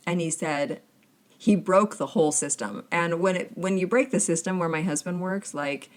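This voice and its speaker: A woman hosting a solo podcast, telling everyday stories in a chatty, conversational way full of "like". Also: deep voice. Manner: chatty, conversational, filler 'like'. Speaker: podcast host.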